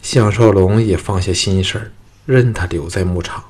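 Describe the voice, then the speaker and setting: A man narrating an audiobook novel in a steady, even storytelling manner. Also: sits low, moderate pace, slightly rough.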